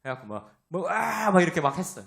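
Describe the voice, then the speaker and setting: Young male pastor, loud and animated, sermon delivery, fairly high voice with a lively swinging pitch. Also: a little fast. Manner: animated, acts out quoted voices, asks the congregation questions.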